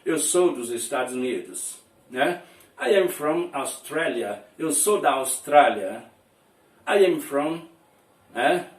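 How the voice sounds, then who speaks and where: A Brazilian man teaching English speaks slowly in a high voice with lively intonation. He explains words to his class, repeating each phrase and checking in with students often. The mic sits at a distance in an echoey room.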